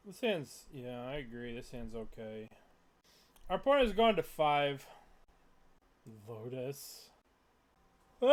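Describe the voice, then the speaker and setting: Male player doing relaxed, unhurried game commentary, voice slightly high and swinging up and down a lot, muttering and cursing now and then. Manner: mutters and thinks aloud, swears when frustrated. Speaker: player commentating his own online card game matches. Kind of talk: casual gameplay commentary.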